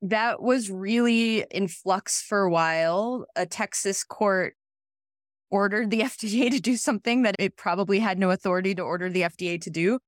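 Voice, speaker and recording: Brief: woman, mid-pitched legal expert, conversational explainer, dry close mic. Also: fairly even intonation, normal speed, no echo. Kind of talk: podcast conversation.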